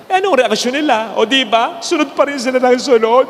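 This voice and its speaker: Filipino priest preaching, very high voice, lively storyteller, long church reverb, faint hiss. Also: male voice, a little fast. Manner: animated storytelling, swinging from high exclaims to low hushed lines. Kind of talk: homily. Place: large church.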